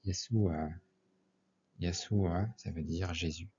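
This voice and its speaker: In a dull lo-fi recording, a man gives a slow, methodical Arabic lesson. He spells out letters and says each example word twice before explaining it. His voice is low-pitched and darkish with a breathy edge, and his intonation stays fairly even at a slow pace.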